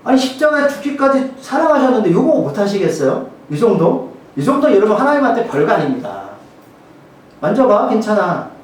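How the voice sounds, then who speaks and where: Joking pastor in an echoey hall. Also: male voice, high-pitched, big pitch swings, fast talker. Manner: joking, conversational, many rhetorical questions. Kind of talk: sermon. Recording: very echoey hall, mic far off.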